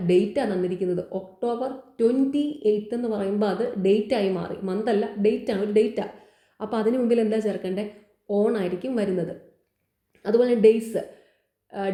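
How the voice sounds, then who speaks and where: A woman's voice: medium pitch, warm tone, roomy sound. A woman explaining exam grammar answers as a teacher, repeating key words and asking quiz questions.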